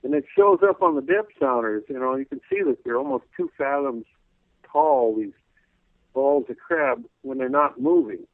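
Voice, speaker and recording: A man calling in as a radio guest, rambling folksily with lots of "you know," clearing his throat as his voice wears out. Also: medium pitch, sing-song, normal speed, no echo. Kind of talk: casual call-in radio interview. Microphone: telephone. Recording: tinny phone line.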